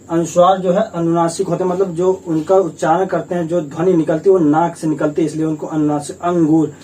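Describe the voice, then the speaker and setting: A male teacher gives a grammar lesson, explaining patiently and repeating himself as he sounds out letters one by one. His voice is slightly high and mellow. It is picked up from a distance, with a faint hum of room noise behind him.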